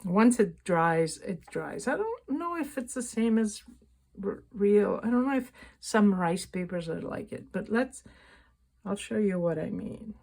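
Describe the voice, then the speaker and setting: A woman giving a casual, unscripted painting tutorial, thinking aloud in a halting way and often rephrasing mid-sentence. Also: medium pitch, expressive, gravelly, a little mellow. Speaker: painting instructor and vlogger.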